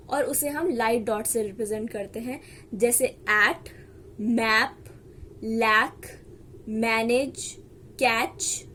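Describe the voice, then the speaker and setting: Slow high-voiced woman teaching shorthand. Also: a bit bright, slight background noise. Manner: slow, patient, repeats example words while writing. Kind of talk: classroom lesson.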